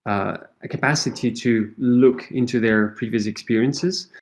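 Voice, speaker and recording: Appearing as a guest, a middle-aged associate professor speaks English with a Portuguese accent, his native language being Portuguese. He answers interview questions thoughtfully but with many fillers and restarts, in a mid-range voice at a slightly slow pace.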